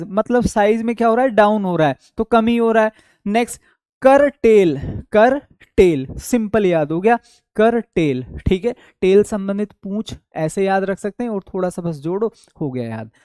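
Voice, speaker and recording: A man teaching English vocabulary in an online exam-prep class, asking questions and answering them himself and drawing out key words slowly for memory. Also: sits high, a little mellow, clean tone, dry recording, clean studio sound.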